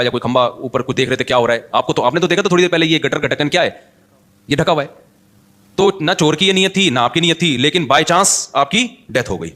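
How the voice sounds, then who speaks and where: A man giving an Islamic sermon, talking in a chatty, animated way, slipping in English words and reciting Quran verses in Arabic. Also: medium pitch. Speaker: Islamic preacher.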